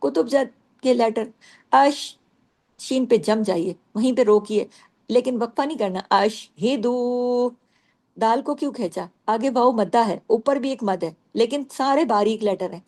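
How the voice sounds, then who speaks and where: A woman teaching Quran recitation rules, breaking words into syllables, repeating them slowly, and asking and answering her own questions. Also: fairly high pitch, darkish tone. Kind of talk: tajweed lesson explaining pronunciation.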